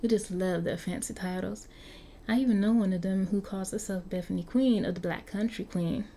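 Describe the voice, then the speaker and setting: A woman's voice: medium pitch, fairly even intonation, moderate pace, mellow, a little hiss or hum, lightly acted. A woman voicing a flippant Southern-drawled vampire. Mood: breezy. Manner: chatty, flippant, slangy. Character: cocky young-looking vampire, century-old street kid. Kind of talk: reading an interactive story aloud.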